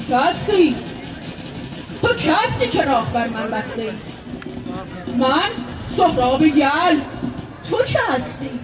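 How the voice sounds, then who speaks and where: A woman's voice: sits high, big pitch swings. A woman voicing proud, challenging young warriors of Persian epic in declamatory, commanding teahouse storyteller style. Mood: defiant, threatening. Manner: commanding, declamatory, drawn-out boasts. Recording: roomy, distant live stage recording with music, crowd.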